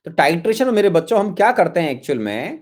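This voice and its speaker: A man's voice: high-pitched, big pitch swings, fast talker. A man teaching chemistry in an online class, coaxing his students, repeating himself and calling them his children.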